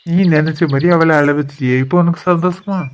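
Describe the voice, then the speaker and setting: A man's voice: fairly high pitch, fairly even intonation, fairly quick, highs cut off, a little hiss or hum, lightly acted. A man voicing an accusing young cartoon man. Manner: accusing, quarrelsome. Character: angry young man scolding girls. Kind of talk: cartoon voice acting.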